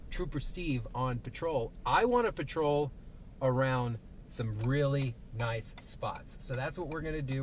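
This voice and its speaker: Sitting in his truck, parked at times and moving at others, a traffic safety reporter with a Southern twang and medium pitch live-streams casual commentary while driving. He rambles with lots of fillers, and faint vehicle noise sits behind him.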